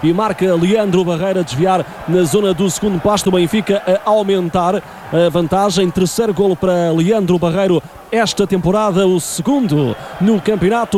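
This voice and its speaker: High-pitched Portuguese male match commentator. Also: a little mellow, slight background noise. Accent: European Portuguese. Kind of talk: live radio football commentary.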